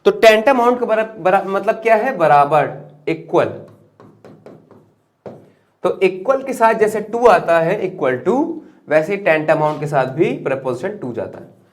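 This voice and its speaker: A young man with an Indian English accent teaching vocabulary with memory tricks. He talks in lively swings between high emphatic lines and low murmured asides. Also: unhurried.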